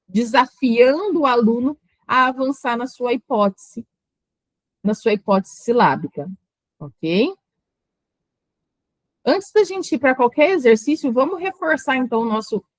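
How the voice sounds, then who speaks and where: A woman's voice: a little high, no room sound. A woman teaching an exam-prep lesson on children's writing, explaining patiently and sounding out words syllable by syllable. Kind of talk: online exam-prep lecture.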